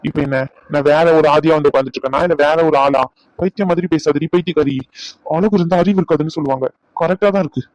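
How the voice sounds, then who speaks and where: A man's voice: a little high, quick pace, a little mellow, dry recording, lightly acted. A man voicing a young male doctor who teases and scolds his bride-to-be in a dubbed serial drama. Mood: scolding. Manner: teasing, scolding banter. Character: young male doctor, teasing and bossy lover. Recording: dull dry recording.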